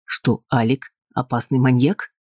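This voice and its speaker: A man voicing a cool, patronizing husband, husky in tone and dismissive in manner. He stays in his own register, recorded close and dry, like an audiobook reading. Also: mid-range voice, flat delivery, measured pace, darkish tone, no room sound, lightly acted. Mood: condescending. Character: cold, condescending husband, adult man.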